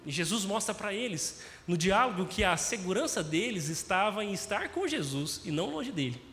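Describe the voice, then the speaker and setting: A man's voice: high-pitched, sing-song, moderate pace, fairly bright tone. A man preaching a sermon, telling the story and acting out its scenes. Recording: long hall reverb.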